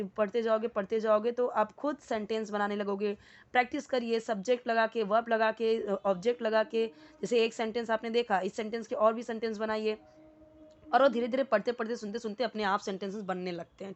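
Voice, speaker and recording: Woman, English teacher, repeats words slowly, higher voice, slightly muffled audio. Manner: explains word by word, repeats for practice. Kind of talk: spoken English lesson.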